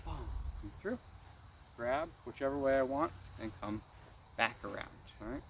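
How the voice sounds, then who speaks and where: A karate weapons instructor gives a casual, hands-on martial arts lesson, often checking that students understand and punctuating moves with exclaimed sound words. His voice is medium-pitched and expressive at a normal speed, picked up by a distant mic amid noisy outdoor ambience with insects.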